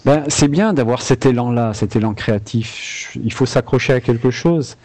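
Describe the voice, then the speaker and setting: Frank chatty man, mellow voice. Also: mid-range voice, moderate pace, slightly rough. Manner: frank, chatty, many restarts. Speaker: video game music composer. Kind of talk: casual interview chat.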